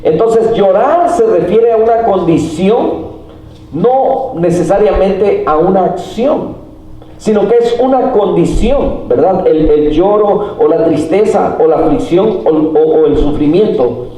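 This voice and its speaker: A middle-aged man preaching a sermon in a church, teaching slowly with frequent fillers and questions to the congregation. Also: sits high, lively intonation, dark tone. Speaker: pastor. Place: church hall. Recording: echoey hall, mic far off.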